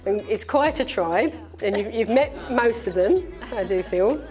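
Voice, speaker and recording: A middle-aged woman gives a warm wedding toast as the bride's mother, pausing often with little fillers. She speaks at an even middle pitch into a handheld mic. Faint music sits behind her in the barn hall. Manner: warm, halting speech with fillers. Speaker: mother of the bride giving a speech. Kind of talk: wedding speech. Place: brick-walled barn reception hall. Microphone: handheld microphone.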